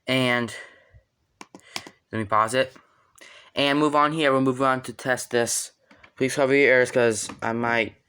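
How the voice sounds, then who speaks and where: A man's voice: medium pitch, fairly even intonation, measured pace, long pauses, sharp tone, a little hiss or hum. A man chatting casually as he gives a hands-on equipment demonstration. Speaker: hobbyist demonstrator.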